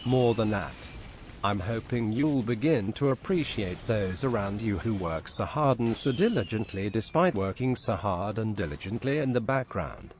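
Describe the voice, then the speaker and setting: A man's voice: fairly low pitch, expressive, moderate pace, slight background noise. Robotic text-to-speech male voice. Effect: synthetic text-to-speech computer voice. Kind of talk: reading a written story aloud.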